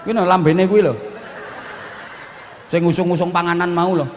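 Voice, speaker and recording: Man, preacher, blunt joking sermon, fairly high voice, long hall reverb, faint ambience. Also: steady tone, normal speed, a little hiss or hum. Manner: blunt, joking, mixes in local dialect. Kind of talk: humorous sermon.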